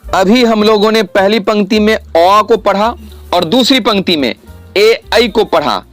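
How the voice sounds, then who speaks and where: A male teacher explaining a lesson to children, slowly and carefully, stretching out vowel sounds to show them. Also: high voice, fairly bright tone, faint music behind.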